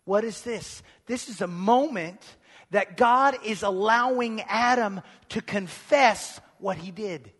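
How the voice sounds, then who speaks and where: A man with a high voice preaching a sermon in a big hall whose long reverb trails after every line. He drives home his points with repeated rhetorical questions, rising loud, then dropping low and quiet. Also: slow pace. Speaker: pastor.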